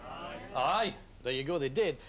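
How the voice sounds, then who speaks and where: A man hosting a lively TV chat show in a studio, teasing and joking with his guests. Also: fairly high pitch, normal speed. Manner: jokey, teasing, playful. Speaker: TV show host. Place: TV studio with audience.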